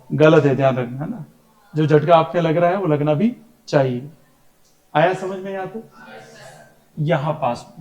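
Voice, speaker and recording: A man's voice: a little high, a little mellow. A male science teacher giving a classroom lecture, chatty and teasing, breaking into stories and imitations of his family. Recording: echoey classroom.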